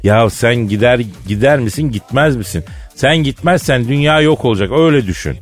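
A man's voice: medium pitch, expressive, brisk, soft background music. A man hosting a comic radio show, teasing his partner with a mock-serious tale in a studio. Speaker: radio comedy host.

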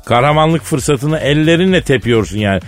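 A man's voice: fairly high pitch, lively intonation, moderate pace, soft background music. Teasing male radio comedy host. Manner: teasing, spins a mock-serious tale. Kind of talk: comic radio banter.

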